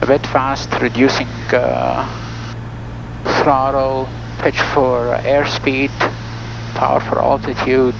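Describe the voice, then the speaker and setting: Speaking slowly with a medium pitch and completely flat delivery, a man narrates his solo flight as a student pilot, mixing in radio calls. The small-plane cockpit is noisy, the audio dull, with the engine plainly heard.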